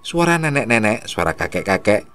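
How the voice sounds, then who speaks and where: A man narrating a horror story in a steady storytelling manner. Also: on the low side, fairly quick, soft background music.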